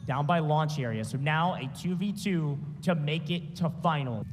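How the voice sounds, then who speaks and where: A man working as an esports caster, giving excited, dramatic live play-by-play in emphatic, punchy phrases. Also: on the high side, moderate pace. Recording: long hall reverb, music underneath. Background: music.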